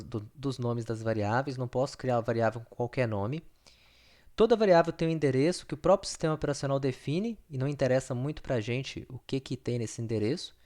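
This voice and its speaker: Speaking at a medium pitch with a darkish tone, a man walks students through a recorded programming lesson over screen share, patiently repeating points and regularly asking how they're doing.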